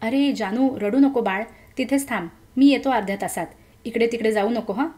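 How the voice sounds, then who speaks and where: A woman's voice: on the high side, normal speed, warm tone, close to an everyday voice. A woman voicing an affectionate young man in a story, soothing and reassuring.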